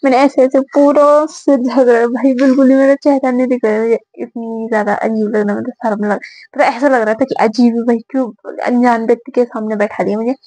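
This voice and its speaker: A woman's voice: on the high side, level tone, brisk, mellow, no room sound, rough recording. A young woman in her twenties, chatting casually to camera as a vlogger and giggling now and then while she tells a personal story. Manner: giggly, chatty, repeats filler words often.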